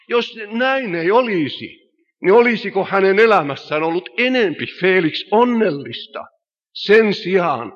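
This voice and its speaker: A man's voice: high voice, fairly bright tone. A man preaching a sermon in style, solemn and rising to emphatic cries. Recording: reverberant hall, dull lo-fi sound.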